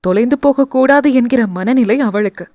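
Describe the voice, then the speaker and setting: A woman narrating an audio novel in an expressive storytelling voice. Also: on the high side, normal speed, no echo. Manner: expressive, animated reading.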